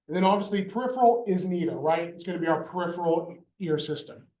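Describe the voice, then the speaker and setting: In an echoey hall, an animated man gives a university lecture on veterinary neurology in a high-pitched voice at a quick pace. He jokes and says "y'all" and "right?", and the handheld or lapel microphone picks him up from a distance.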